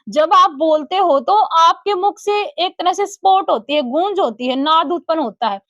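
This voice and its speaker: High-voiced woman teaching Hindi grammar. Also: lively intonation, fairly bright tone, no room sound. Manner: asks the class questions and answers them herself, calls students beta; slowly sounds out letters for the class.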